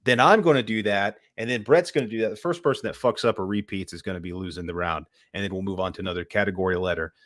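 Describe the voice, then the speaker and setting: A man's voice: lowish voice, fast, hardly any pauses, a bit bright, no room sound, studio quality. A man hosting a casual podcast, chatting loosely with fillers and running a party game.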